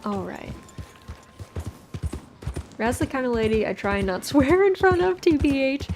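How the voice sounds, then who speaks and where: A woman's voice: high-pitched, big pitch swings, unhurried. An American woman chatting casually on a game livestream in a chilled, cozy way. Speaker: game streamer. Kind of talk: casual livestream chat over gameplay. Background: game music, horse hooves and animal sounds.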